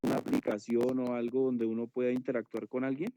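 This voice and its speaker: A man's voice: mid-range voice, level tone, brisk, dark tone, smooth, no room sound. A man, a student, asking his teacher questions hesitantly and searching for his words on a video call. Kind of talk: casual class question.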